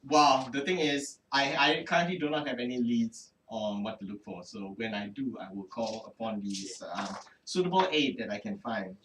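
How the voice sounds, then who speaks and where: A man's voice: medium pitch, lively intonation, normal speed, few pauses, fairly bright tone, slight background noise, close to an everyday voice. A man voicing an earnest, frustrated male knight with formal, stiff speech. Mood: stern. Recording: roomy, distant mic.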